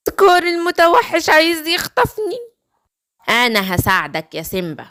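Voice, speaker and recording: A woman with an Egyptian accent voicing a kind, gentle witch who comforts and helps. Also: medium pitch, clear, resonant tone. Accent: Egyptian Arabic. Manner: soothing, explaining.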